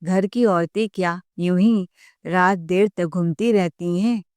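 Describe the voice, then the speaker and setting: A woman's voice: on the low side, takes it slowly, dry recording. A woman voicing a strict, scolding older mother-in-law in a told story. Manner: sharp, scolding.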